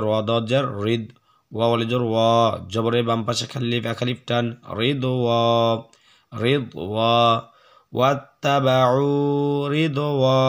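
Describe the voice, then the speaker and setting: A man teaching Quran reading, who spells out letters and vowel marks, explains the rules quickly, then recites the verses slowly and drawn out, often clearing his throat. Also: mid-range voice, fairly bright tone.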